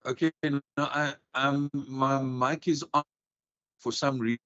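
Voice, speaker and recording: A man, a committee member, speaking haltingly over an online meeting call that keeps breaking up. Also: medium pitch, fairly even intonation, fairly bright tone, no room sound. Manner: halting, unsure his mic works. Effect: breaking-up online call audio. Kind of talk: remote meeting talk. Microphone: remote call microphone. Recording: dull, distant call audio.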